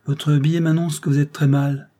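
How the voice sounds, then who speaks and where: A man's voice: a little high, little pitch movement, moderate pace, dark tone, voice pushed up, close to an everyday voice. A man voicing a stern, weary young male doctor who speaks briefly and guardedly. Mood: brusque.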